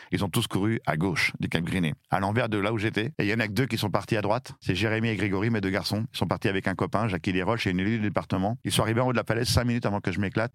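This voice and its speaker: Male guest, 50s, from France; quick, emphatic storyteller, dry recording. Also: fairly low pitch, no room sound. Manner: lively, emphatic, acts out shouted quotes. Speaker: interview guest. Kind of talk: animated storytelling in an interview.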